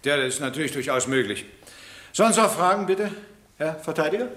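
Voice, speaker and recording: An actor playing a stern, formal presiding judge in a 1960s radio drama. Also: male voice, fairly high pitch, animated, fairly quick, fairly bright tone. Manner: formal, commanding. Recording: roomy vintage radio play studio.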